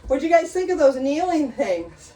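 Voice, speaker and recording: A woman's voice: sits high, very animated, moderate pace, warm tone. A middle-aged woman teaching an exercise class, chatty and encouraging, out of breath as she talks through the moves. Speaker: exercise instructor. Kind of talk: live exercise class instruction. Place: room with a chair, exercising. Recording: echoey room, mic at a distance.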